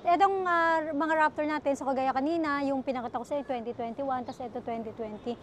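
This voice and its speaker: A woman with a bright, high-pitched voice sells used cars in a casual vlog. She fills her talk with fillers and keeps calling her viewers "guys" as she walks around a pickup. Faint ambient noise from the lot stays behind her voice. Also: fairly even intonation, quick pace. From Philippines. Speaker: used car dealer salesperson. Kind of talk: casual car walkaround vlog.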